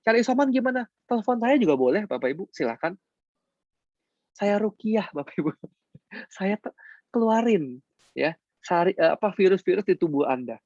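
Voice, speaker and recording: A man's voice: big pitch swings, moderate pace, long pauses, a little mellow, no echo, lo-fi sound. Chatty teasing man, motivational talk. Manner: chatty, teasing, swings pitch up sharply for emphasis. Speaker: business mentor addressing his downline.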